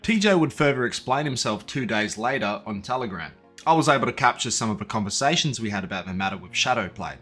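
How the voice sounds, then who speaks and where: Man, exposé narrator, bright forceful tone, blunt, profane, sardonic asides. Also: lowish voice, lively intonation, fast talker, soft background music. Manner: casual, blunt, profane delivery; sardonic, addresses his target directly. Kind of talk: scripted commentary narration.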